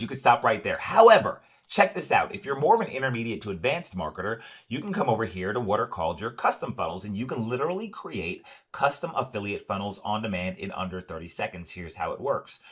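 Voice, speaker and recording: A man giving an upbeat, salesy screen-share walkthrough of a software dashboard, often adding "right?" and filler "uh"s. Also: medium pitch, slightly rough. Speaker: product demonstrator.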